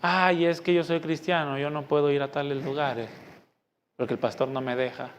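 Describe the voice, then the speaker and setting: A pastor putting on a whiny churchgoer making excuses. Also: male voice, a little high, steady tone, slight background noise, lightly acted. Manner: whining, quick and quieter.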